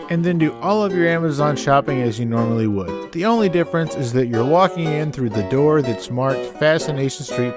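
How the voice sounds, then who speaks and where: Male podcast host, casual and breezy, slightly high voice. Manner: breezy, addresses listeners as guys. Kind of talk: casual podcast chat and ad reads.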